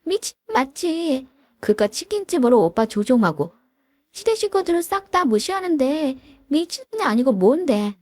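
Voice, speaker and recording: A woman voicing a shrill, bratty young sister-in-law who taunts and insults, in a dramatized story reading. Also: big pitch swings, moderate pace, no room sound. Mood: shrill taunting. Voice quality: shrill, sharp-voiced.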